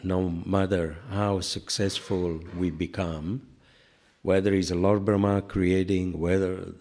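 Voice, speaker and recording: A man's voice: deep voice, flat delivery, slow pace, darkish tone. An older man giving an informal spiritual class, rambling through anecdotes with many "you know" asides and self-deprecating humor. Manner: self-deprecating humor, laughs at own jokes. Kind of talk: informal scripture class sermon.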